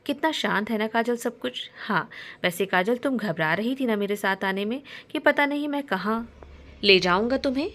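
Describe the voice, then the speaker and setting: Young man, affectionate, gentle teasing, storybook lover, read by a woman. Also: a little high, lively intonation, normal speed. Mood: tender.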